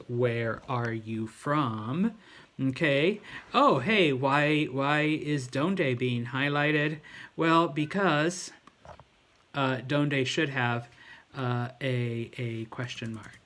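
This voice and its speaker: A middle-aged man giving an informal tutorial as a language teacher, talking haltingly and often checking in with his listeners. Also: medium pitch, fairly bright tone. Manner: halting, with frequent check-in questions. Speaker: Spanish teacher. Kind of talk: informal tutorial for students, demonstrating on a computer.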